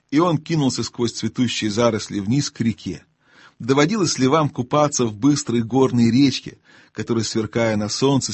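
A man narrating an audiobook in a calm, expressive storytelling manner. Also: mid-range voice, breathy edge, no room sound. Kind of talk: scripted narration.

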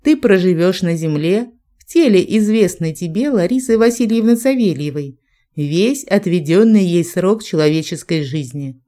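A woman's voice: on the low side, warm tone, lightly acted. A woman voicing a solemn golden-haired angel who pronounces a formal verdict in an audiobook.

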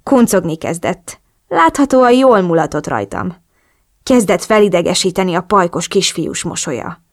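Expressive woman narrating a romance audiobook. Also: lowish voice, no room sound, clean studio sound. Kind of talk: first-person audiobook narration.

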